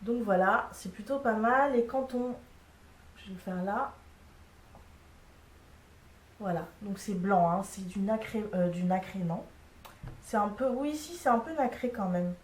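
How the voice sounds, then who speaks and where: A woman's voice: medium pitch, lively intonation, unhurried, long pauses, recorded from a distance. A young woman casually reviewing makeup products, chatty and frank, with lots of fillers. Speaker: beauty vlogger. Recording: echoey room, a bit off-mic.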